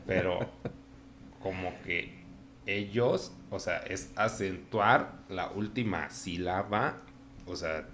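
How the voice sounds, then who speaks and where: A man with a northern Mexican accent talks casually as a podcast guest, often laughing as he acts out phrases. His voice sits low but has a bright, forward edge. A faint hum of room ambience sits behind him. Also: takes it slowly. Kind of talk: casual chat.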